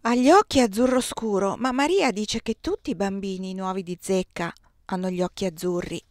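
Woman narrator for a first-person novel audiobook, measured and expressive, mid-pitched, dry close sound. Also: no echo. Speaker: audiobook reader.

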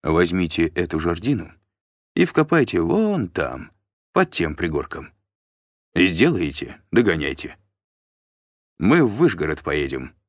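A man doing a stern, low-voiced warlord. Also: sing-song, unhurried, long pauses, dry recording, full character voice. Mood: menacing. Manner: stern, low-key, menacing. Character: stern, calm male warlord.

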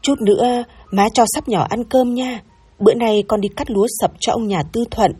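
Lady doing a busy hardworking daughter-in-law, matter of fact, breathy warm voice. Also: fairly high pitch, steady tone, normal speed, faint music behind. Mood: brisk.

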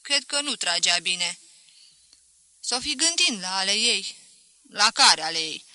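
A woman reading aloud voices a middle-aged male shopkeeper who complains loudly and repeats himself in self-pity. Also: mid-range voice, lively intonation, no room sound. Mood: grumbling.

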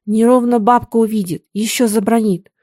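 A woman's voice: on the high side, fairly even intonation, normal speed, dark tone, dry recording, clean studio sound, close to an everyday voice. Woman reading as a grieving peasant mother. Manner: plaintive, sighing folk speech.

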